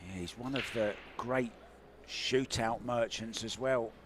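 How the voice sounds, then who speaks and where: A man's voice: medium pitch, steady tone, unhurried, fairly bright tone, slight background noise. A man doing live play-by-play commentary on a pool match, chatty and informative in an upbeat way.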